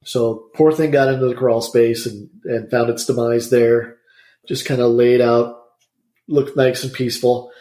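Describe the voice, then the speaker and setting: Chatty contractor in an echoey room. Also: male voice, mid-range voice, a little mellow. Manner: chatty, rambling, quick storyteller. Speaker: guest, insulation contractor. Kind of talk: casual interview storytelling.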